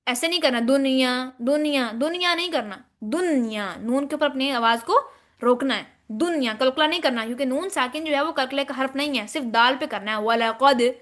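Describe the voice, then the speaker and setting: A woman teaching Quranic recitation rules, explaining step by step and demonstrating words in slow drawn-out chanting. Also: sits high, a bit bright. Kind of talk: tajweed lesson.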